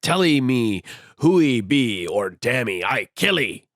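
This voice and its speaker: A man voicing a gruff male harpooner who threatens in clipped, broken speech. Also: mid-range voice, big pitch swings, slow, fairly bright tone, no room sound, studio quality. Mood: menacing.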